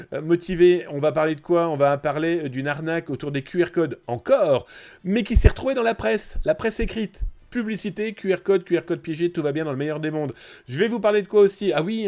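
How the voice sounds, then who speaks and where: A man with a blocked, nasal nose hosts a live news stream, talking straight to his viewers in a chatty, informal way. His voice is fairly high-pitched and a little mellow.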